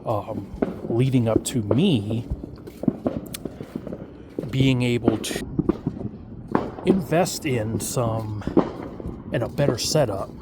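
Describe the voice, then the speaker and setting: A man's voice: medium pitch, slow pace, long pauses, very noisy. A man vlogging outdoors at night, rambling casually with many fillers and hesitations. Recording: loud fireworks and firecrackers outdoors.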